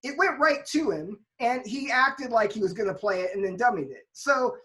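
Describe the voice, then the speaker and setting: Woman, high voice, podcast chat; animated storyteller who restarts her sentences and leans into the drama. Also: moderate pace. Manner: frequent restarts and emphatic retelling. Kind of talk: casual soccer podcast chat.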